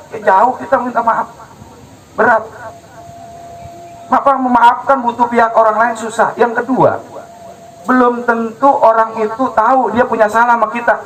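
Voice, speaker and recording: A man preaching a humorous, animated sermon to a gathering, acting out dialogues and asking the audience questions. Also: high voice, low-quality recording. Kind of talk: lively religious sermon. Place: gathering hall with live audience.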